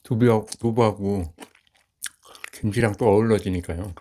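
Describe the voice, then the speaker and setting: A man's voice: fairly low pitch, steady tone, normal speed, mellow. A man hosting an eating show, describing the food politely while chewing. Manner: polite, savoring commentary on food. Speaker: mukbang host. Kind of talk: casual eating show talk.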